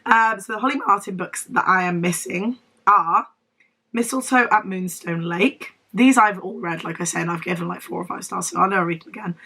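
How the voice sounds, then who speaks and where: In a low-quality recording, a young book vlogger from Devon with a southern English accent speaks fairly quickly in a lowish, gravelly voice that sounds pushed, bright and slightly rough. She is unwell and losing her voice, so she comes across wheezy and strained as she rambles self-deprecatingly to camera.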